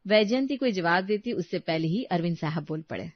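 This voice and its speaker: A woman narrating a scripted storybook tale in a steady, plain manner. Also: on the low side, brisk, dry recording. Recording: dry, slightly dull recording.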